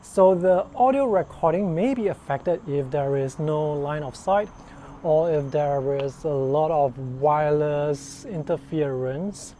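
Higher-voiced man reviewing gear outdoors. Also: unhurried, mellow. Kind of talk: product review to camera. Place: outdoors in a park and garden. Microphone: wireless clip-on mic on chest. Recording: outdoor recording, faint ambient noise.

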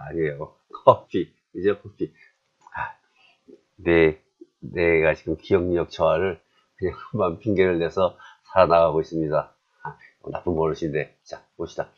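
A man with a Korean accent teaching English grammar, chatty and self-deprecating, drilling phrases slowly. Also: deep voice, highs cut off. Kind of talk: classroom grammar lesson.

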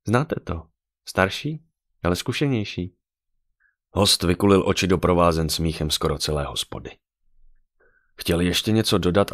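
A man narrating a dark fantasy audiobook with dramatic storytelling. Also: a bass voice, dry recording, studio quality.

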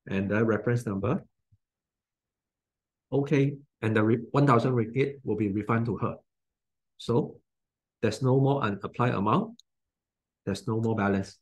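A man in his forties with a Malaysian English accent, talking through a software tutorial in plain step-by-step instructions. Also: mid-range voice, slightly rough. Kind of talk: screen-recorded software tutorial.

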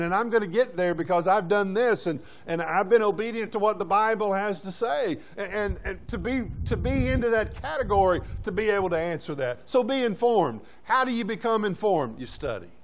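A high-voiced man preaching a sermon in a church, pressing his congregation with short repeated commands. He keeps asking them questions, and he is out of breath. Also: lively intonation, moderate pace. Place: church sanctuary.

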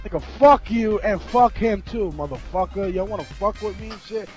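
A man's voice: high-pitched, moderate pace, faint music behind. A man in online game voice chat, angry, defensive and cursing heavily. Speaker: random online player.

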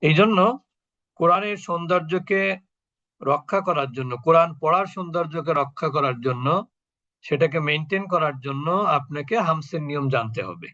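A man's voice: fairly high pitch, moderate pace, pushed and bright, highs cut off. A man teaching a Quran recitation class online. He explains each point step by step, asking the class questions and then answering them himself. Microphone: video call.

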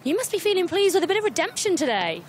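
A woman interviews an athlete right after a race, with an encouraging manner. Her voice is quite high, with faint ambience behind her. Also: very animated, quick pace, a little hiss or hum. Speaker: trackside interviewer. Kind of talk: live post-race interview.

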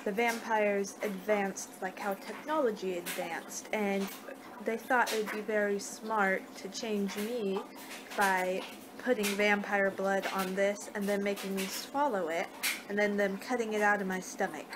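Her voice is medium-pitched, steady in tone and a little slow as this young American woman chats her way through a casual vampire ASMR roleplay. The homemade webcam recording, made in her living room, is noisy.

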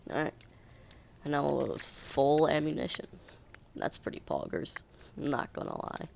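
A young man with a stuffy nose gives sarcastic, jokey let's-play commentary, talking to the enemies as he plays. His voice is a little high and sing-song with vocal fry, his pace measured, and there's a faint hiss or hum.

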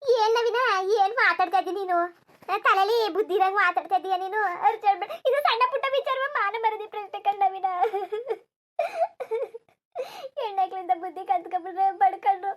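A woman's voice: very high-pitched, fairly even intonation, fast. A woman voicing a grieving, bitter middle-aged village mother in a cartoon, lamenting and scolding between sobs. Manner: lamenting, scolding, sobbing in bursts. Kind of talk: cartoon dubbing.

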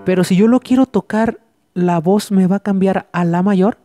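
A man's voice: sits high, normal speed. A man giving a casual spoken piano tutorial, chatty and stumbling over words as he explains. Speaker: piano teacher. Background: piano playing.

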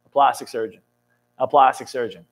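He's a motivational coach in his twenties, interviewed for a podcast in an indoor studio lounge, delivering an intense talk laced with frequent swearing that climbs to excited highs. His voice is mid-range with vocal fry, and he talks a little fast.

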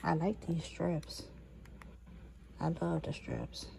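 A woman's voice: on the low side, little pitch movement, slow pace, gravelly, darkish tone. A woman vlogger talking casually and chattily to her viewers into a handheld phone. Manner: informal, chatty address to viewers. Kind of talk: casual vlog talk to viewers. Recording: noisy handheld phone recording.

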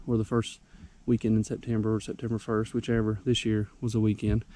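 A man's voice: fairly low pitch, completely flat delivery, fairly quick, mellow. A young man, out of breath, giving folksy, rambling how-to tips outdoors on a wooded mountainside. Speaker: ginseng hunter vlogger. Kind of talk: casual outdoor how-to vlog.

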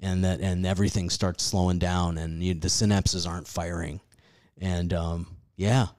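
A man's voice: deep voice, little pitch movement, normal speed, darkish tone. A comedian in his forties chatting on a podcast, rambling and self-deprecating, swearing freely. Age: 40s. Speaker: comedian guest. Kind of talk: casual podcast chat.

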